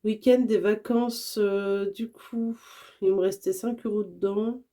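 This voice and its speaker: A woman who is sick with a hoarse voice, chatting casually to camera as a budget vlogger, hesitant and often correcting herself. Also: mid-range voice, steady tone, slow pace, dark tone. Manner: hesitant, many fillers and self-corrections.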